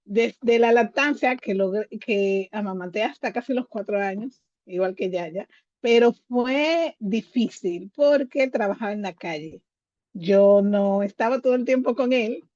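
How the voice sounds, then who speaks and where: A woman's voice: medium pitch, measured pace, a little mellow, dry recording. Hesitant mother in slightly muffled audio. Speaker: podcast guest, mother. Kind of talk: casual chat.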